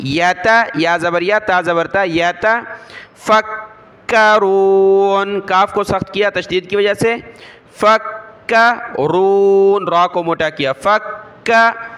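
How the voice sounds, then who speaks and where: A man teaching Quran reading, spelling out letters one by one and then reciting each verse slowly and drawn out. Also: sits high, steady tone, sharp tone, clean tone.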